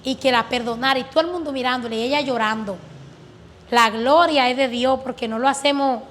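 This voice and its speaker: A woman's voice: high voice, brisk, a bit bright, a little hiss or hum. A woman earnestly telling her religious testimony as a guest, recounting prayers and answers with fervent conviction. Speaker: guest giving a faith testimony.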